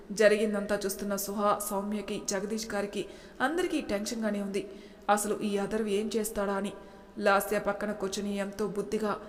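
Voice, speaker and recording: A woman narrating a serialized story in a steady, dramatic way. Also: medium pitch. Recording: roomy with long reverb.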